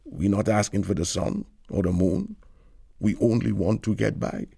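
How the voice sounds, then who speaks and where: A man's voice: lowish voice, moderate pace, gravelly, mellow, husky, dry recording, clean studio sound. A man reading as a weary young man in London, earnest and pleading. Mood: lamenting.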